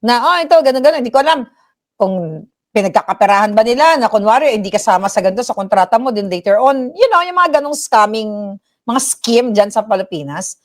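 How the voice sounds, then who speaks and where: A woman's voice: mid-range voice, lively intonation, brisk. A middle-aged woman from the Philippines, living in the United States, hosts a casual livestream and chats animatedly in Tagalog mixed with English, acting out the voices she quotes. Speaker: livestream commentary host. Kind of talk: casual chatty storytelling.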